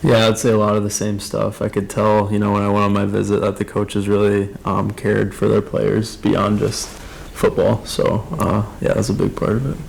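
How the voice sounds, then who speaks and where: A man's voice: fairly low pitch, monotone, moderate pace, gravelly, few pauses, a little hiss or hum, poor audio. A young man from Arizona who plays college football, answering politely in an interview. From Phoenix, Arizona. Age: 20s. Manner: polite, says yes sir. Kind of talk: casual interview.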